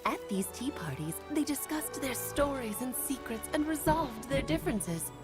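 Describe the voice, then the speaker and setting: A woman's voice: sits high, big pitch swings, normal speed, over music. An actress playing a playful, worldly mage mother in a video game, with a theatrical storytelling manner.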